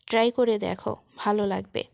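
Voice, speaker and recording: A woman voicing a teasing young man, cocky, soft and calm, gravelly voice, dry close sound, storybook. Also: mid-range voice, moderate pace, no echo, lightly acted.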